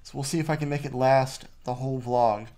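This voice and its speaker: A man's voice: medium pitch, steady tone, fairly quick, mellow. A man recorded too close to the mic, hosting a casual vlog voice-over in a rambling, jokey way. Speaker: vlog host.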